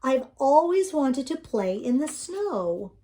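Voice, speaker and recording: A woman's voice: high-pitched, sing-song, slow, mellow, pitched above the performer's own voice, heavily acted. An older woman voicing a curious, cheerful little toy bear in a storybook, with an innocent, wondering manner. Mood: excited, delighted. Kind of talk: children's storybook read-aloud.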